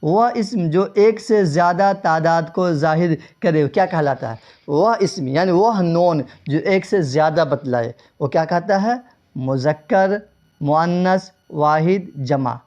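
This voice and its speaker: A man's voice: a little high, a little mellow. A man teaching Urdu grammar for an exam, who asks rhetorical questions, repeats the answers and spells out English words letter by letter. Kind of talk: exam-prep grammar lesson. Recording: dull lo-fi recording.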